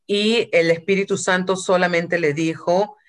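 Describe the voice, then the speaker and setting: A woman's voice: on the low side, steady tone, a little slow. Woman, from Peru, sermon, storytelling, acted quotes, English phrases mixed in. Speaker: preacher.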